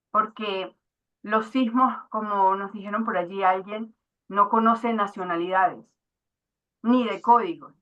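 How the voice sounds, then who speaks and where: A woman moderating an online panel, thanking the speaker with hesitant, drawn-out phrasing. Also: mid-range voice. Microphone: video call. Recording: dull lo-fi video call audio.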